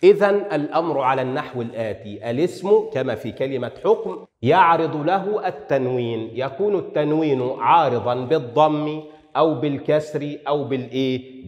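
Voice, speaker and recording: An Arabic writing instructor teaches a lesson on writing rules in a mid-range voice at a moderate pace, and the room sounds big. He poses his own questions and answers them, stretching out the example words with heavy emphasis.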